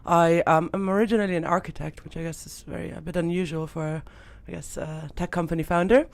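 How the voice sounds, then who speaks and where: A woman's voice: lowish voice, steady tone, brisk. A young woman from Austria, a startup founder talking as a podcast guest, thoughtful with many fillers and restarts. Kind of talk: podcast interview. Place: podcast studio.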